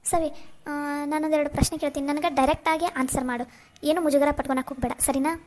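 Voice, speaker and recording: A woman's voice: high voice, fairly even intonation, fast, darkish tone, a little hiss or hum, lightly acted. A woman voicing a caring but firm young friend in a cartoon, comforting and lecturing. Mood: probing.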